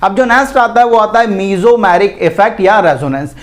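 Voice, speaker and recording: Guy with a high voice doing an online chem class, keeps asking then answering himself. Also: expressive, moderate pace. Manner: repetitive, asks and answers own questions; calls listeners "bhai". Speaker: chemistry teacher. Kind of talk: online exam-prep lecture.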